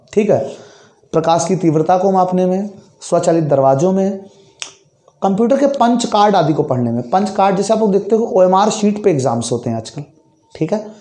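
Young male physics teacher, high-pitched and mellow, fast explanatory lecture, echoey room. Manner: fast-talking, explains with everyday examples and frequent check-ins. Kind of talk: classroom lecture.

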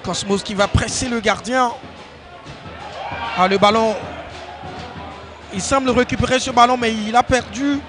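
Guy doing excited soccer play-by-play, really high voice, emphatic, bit of music behind. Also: unhurried, pauses often, crowd noise. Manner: exclamatory, emphatic repetition. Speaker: play-by-play football commentator. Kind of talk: excited live sports commentary.

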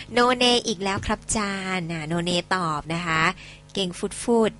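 A woman's voice: lowish voice, measured pace, fairly bright tone, slight background noise. A female English teacher with a Thai accent, a native Thai speaker, giving a chatty online vocabulary lesson, spelling words letter by letter and laughing often.

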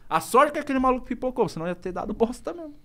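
A man, a stand-up comedian telling stories as a guest on a podcast, slangy and animated, swearing freely. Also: very high voice, racing. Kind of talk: casual storytelling on a podcast.

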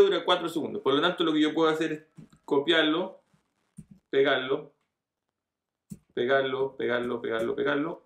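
This casual, step-by-step computer tutorial comes from a middle-aged online marketing tutor who keeps checking in with lines like "¿cierto?". His voice is fairly high with vocal fry, recorded via desk webcam in a small, echoey room.

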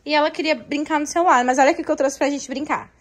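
Talking fast in a high voice, a young mother chats to her viewers while filming her family indoors on her phone. The family vlog has a lively, chatty feel.

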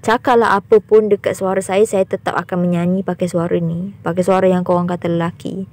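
A young woman with a husky, raspy voice sitting a touch low. She addresses her viewers in a vlog monologue. She sounds firmly indignant and repeats herself for emphasis. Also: little pitch movement, brisk, a little mellow. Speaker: YouTuber.

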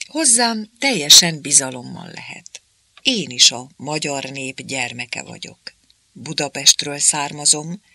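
A man's voice: on the high side, vocal fry, sharp tone, dry recording, heavily acted. A man voicing a sneering young male interpreter who talks down to the people around him, turning from mockery to false friendliness. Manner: mocking, then falsely friendly and preachy.

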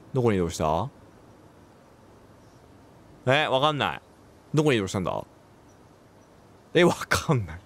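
Reacting as he plays, a man provides let's play commentary full of quips, exclamations and self-talk. His voice sits fairly low, and there's a faint hiss or hum in the recording.

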